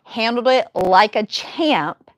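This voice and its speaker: A woman in her thirties hosting a casual livestream Q&A, chatty and quick to laugh, with many fillers and restarts. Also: a little high, animated, no room sound. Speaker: livestream host and firearms medical instructor.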